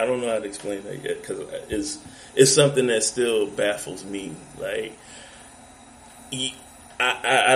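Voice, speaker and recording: A man in a casual group discussion, talking haltingly and repeating words as he works through his thoughts. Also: mid-range voice, roomy sound, a little hiss or hum, rough recording.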